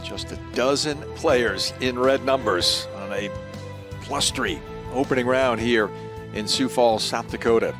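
A man working as lead golf commentator, giving live play-by-play in a measured, polished broadcast manner. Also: medium pitch, over music.

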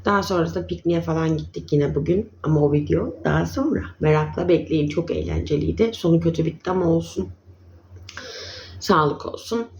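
A woman's voice: low-pitched, fairly quick, darkish tone, highs cut off, slight background noise. A woman chatting casually in a vlog, affectionately calling her viewers dear ones. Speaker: vlogger.

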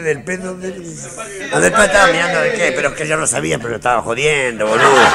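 A man's voice: medium pitch, gravelly. A man with an Argentine accent doing crude live stand-up comedy, rambling and laughing at his own jokes. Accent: Argentine Rioplatense Spanish. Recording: live show cassette recording.

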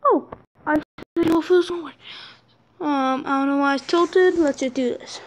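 A woman's voice: high voice, normal speed. A woman talking through a casual app tutorial as a YouTuber, rambling and jokey, with asides muttered under her breath. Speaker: YouTuber demonstrating apps.

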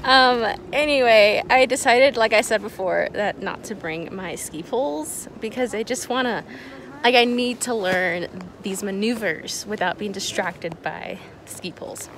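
A young woman vlogs from a snowy slope into a phone held at arm's length, chatting in a loose, self-mocking way. Her voice sits mid-range, with clear noise around it from the outdoors. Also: mid-range voice, unhurried, a bit bright. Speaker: vlogger. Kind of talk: casual vlog chat. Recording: noisy outdoor phone audio.

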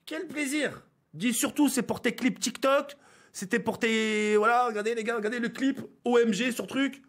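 A man's voice: very high-pitched, normal speed. A man from France streaming a game, ranting at his viewers with exasperation, swearing and stumbling over his words. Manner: exasperated, swearing, stammering restarts.

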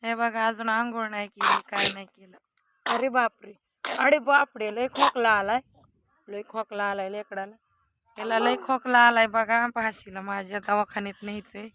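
A woman's voice: on the high side, steady tone, moderate pace, sharp tone, no room sound. Chatty village woman vlogging. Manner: chatty, talking to viewers while filming. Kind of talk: casual family vlog chat.

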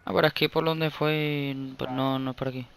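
A man giving casual, sweary playthrough commentary, repeating phrases in quick bursts, with game gunfire behind him. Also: a little high, flat delivery, vocal fry, a little hiss or hum. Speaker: gaming video player. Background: video game sounds, gunfire.

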